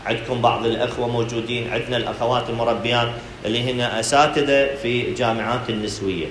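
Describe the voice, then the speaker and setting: Iraqi man, center director, brisk preacherly talk to a crowd, roomy echo. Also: mid-range voice, steady tone, a bit bright, slight background noise. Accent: Iraqi Arabic. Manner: preacherly, rhetorical questions, addresses listeners directly. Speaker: director of a family counselling centre. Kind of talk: religious talk to an audience. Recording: echoey room recording.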